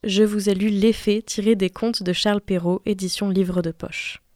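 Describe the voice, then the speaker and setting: A woman reading a classic fairy tale aloud with expressive storytelling. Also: medium pitch, moderate pace, no room sound, clean studio sound. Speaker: reader.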